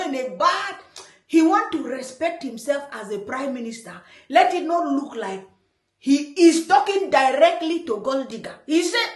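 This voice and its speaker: A Nigerian woman comments on a clip in a playful, teasing way and keeps breaking into laughter. Her voice sits very high and jumps around a lot. The room gives her voice a noticeable echo. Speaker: online commentator. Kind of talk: reaction commentary. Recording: roomy echo.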